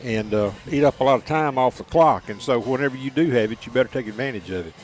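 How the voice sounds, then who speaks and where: A man offers color commentary on a high school football broadcast. His voice is mid-pitched, and he speaks in a measured drawl, sometimes teasing his partner. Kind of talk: local radio football commentary.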